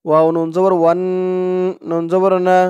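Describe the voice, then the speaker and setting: A man with a high, smooth, clear voice teaches recitation in a spoken lesson. He spells words out letter by letter and draws out the long vowels. The sound is dry and close, with no room echo. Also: level tone, normal speed, a little mellow.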